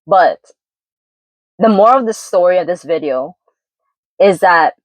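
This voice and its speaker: A young woman from New York talking candidly into her vlog, earnest and reflective, pausing and correcting herself. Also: fairly low pitch, animated, dry recording, poor audio. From New York City, Brooklyn. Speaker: vlogger. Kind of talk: candid personal vlog monologue.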